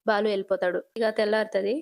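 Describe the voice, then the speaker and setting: A woman retelling a TV serial episode in brisk storytelling, linking the characters' lines with "he says" and "she says.". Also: medium pitch, flat delivery, gravelly. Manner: brisk storytelling, linking quotes with 'he says' and 'she says'.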